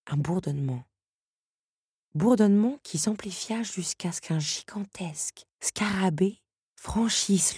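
A woman narrating an audiobook in a measured, even storytelling manner. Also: on the low side, breathy edge, no echo, clean studio sound.

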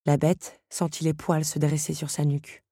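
A woman narrating a storybook in a calm, measured way. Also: low-pitched, no echo, studio quality. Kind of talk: storybook reading.

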